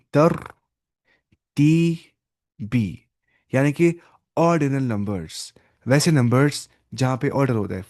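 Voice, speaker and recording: The speaker is a patient male Arabic teacher with a medium-pitched, darkish voice, heard dry and without echo. In his online lesson he explains slowly, mixing Urdu, Arabic and English and frequently repeating words.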